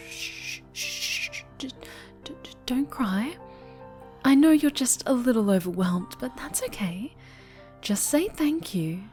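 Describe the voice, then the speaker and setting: A woman voicing a fallen hero turned possessive villain, speaking in a soft, breathy, menacing whisper in an audio roleplay. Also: medium pitch, lightly acted. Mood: cloying. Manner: taunting, cloying, menacing.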